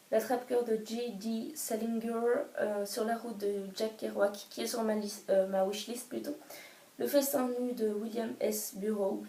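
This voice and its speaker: A woman's voice: mid-range voice, dark tone. A woman chatting casually about a favourite book, hesitant and full of restarts. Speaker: book vlogger. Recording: roomy echo, distant mic, faint hiss.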